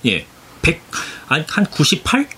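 A man's voice: fairly high pitch, wildly swooping pitch, unhurried, pushed and bright, husky. A man in his thirties chatting casually on a gaming podcast, rambling with fillers and restarts. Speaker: podcast panelist. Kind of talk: casual chat.

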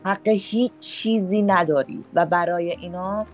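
A woman's voice: lowish voice, faint music behind. A woman guest on a talk podcast, indignantly recounting her own run-ins with officials.

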